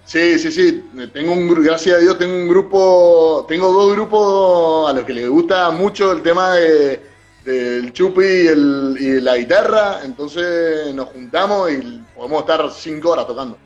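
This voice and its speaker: A man from Mendoza with an Argentine accent, a musician guest in a casual online interview, relaxed and quick to laugh as he tells stories over a video call. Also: on the high side, dull audio, soft background music. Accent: Argentine Spanish.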